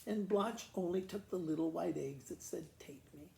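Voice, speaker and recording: With a creaky, darkish voice on the high side, a school principal informally retells a children's story to pupils at a moderate pace, commenting on the pictures. His delivery is simple and conversational, and there's roomy echo with faint background noise.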